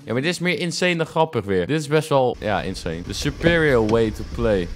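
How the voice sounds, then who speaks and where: A man's voice: mid-range voice, expressive, a little fast, noisy background. A young man giving casual, exclamatory reaction commentary peppered with English slang, speaking into a close desk microphone. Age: young adult. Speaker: reaction video host. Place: small furnished room at home, indoors. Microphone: close desk microphone, headset on.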